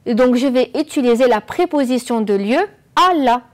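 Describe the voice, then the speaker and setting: A woman teaching French on an educational channel, explaining slowly and clearly and asking the viewers questions. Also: fairly high pitch, lively intonation. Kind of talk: televised classroom lesson.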